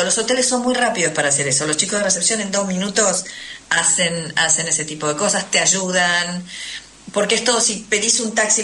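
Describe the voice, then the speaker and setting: An Argentine woman, a traveller appearing as a radio interview guest, recounts her experiences in a conversational, emphatic way, repeating words for stress. Her voice is fairly low, pushed and bright, with an Argentine Spanish accent. The recording carries faint noise and a roomy echo.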